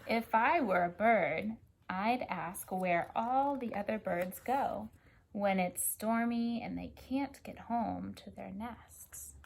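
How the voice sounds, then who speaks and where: An American woman reading a picture book aloud for children and chatting gently, often prompting a young child with questions. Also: medium pitch, slow pace, creaky, a little hiss or hum. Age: adult. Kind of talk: children's story read-aloud with gentle chat.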